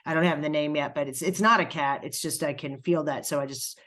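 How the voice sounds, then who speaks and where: A middle-aged woman working as a spiritual medium, giving a reading to a client in a halting, emotional way with many fillers and pauses. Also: deep voice, a bit bright.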